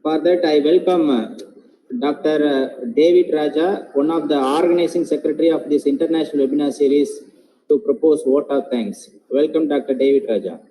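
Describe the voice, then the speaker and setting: A man's voice: on the high side, brisk, mellow, echoey room, low-quality recording. A man moderating a webinar, reading out audience questions politely and hesitantly with many fillers.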